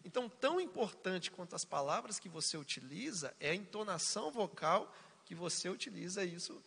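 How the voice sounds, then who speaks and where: Guy, gravelly husky voice, explains stuff and cracks jokes, echoey hall. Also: high voice, lively intonation, a little fast, fairly bright tone. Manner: explanatory, jokey asides. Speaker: co-host of a family talk show. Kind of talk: casual faith-based family talk.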